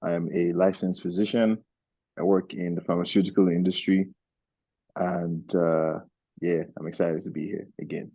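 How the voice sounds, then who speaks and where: A man's voice: low-pitched, little pitch movement, normal speed, dark tone, no room sound, highs cut off. A man from Nigeria giving a brief, plain self-introduction at an online meeting. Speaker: meeting participant.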